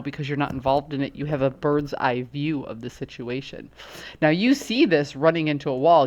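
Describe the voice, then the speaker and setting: A woman's voice: sits low, muffled recording. A woman giving a casual tarot reading who chats and explains her points through everyday examples. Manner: acts out quoted reactions. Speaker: tarot reader.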